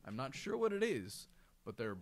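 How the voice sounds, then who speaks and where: A man's voice: mid-range voice, big pitch swings, moderate pace. A young adult man, a podcast guest, chatting casually and rambling, often laughing between words.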